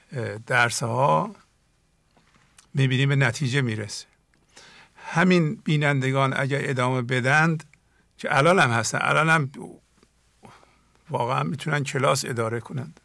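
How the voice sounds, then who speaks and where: A man hosting a call-in program who teaches and warmly encourages his callers. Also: medium pitch, creaky, dry recording. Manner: encouraging, praises callers often. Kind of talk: teaching talk and phone call-in.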